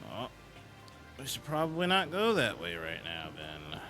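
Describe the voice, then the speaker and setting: A man's voice: on the low side, wildly swooping pitch, a little slow, sharp tone. A man giving playthrough commentary and reading a game's story aloud in a dramatic style. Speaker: gamer reading a game aloud. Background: faint game music.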